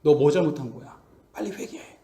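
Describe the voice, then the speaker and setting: Self-righteous old friends lecture and accuse, urging repentance in a sharp, scolding tone, as a man puts them on. His voice is high for a man and echoes around the room. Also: lively intonation, fairly quick. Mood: accusing.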